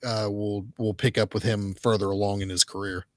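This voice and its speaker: A man's voice: on the low side, little pitch movement, a little fast, a bit bright, no echo, clean studio sound. A man co-hosting a comic book podcast, recapping a story in casual chat with lots of fillers and restarts. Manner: rambling, many fillers and restarts. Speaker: podcast co-host.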